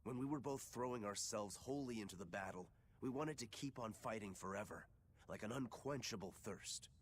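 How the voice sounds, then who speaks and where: A blunt young swordsman from a game, voiced by a man, talking in a mid-pitched, matter-of-fact way. He sounds calm and direct. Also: moderate pace, slight background noise, lightly acted.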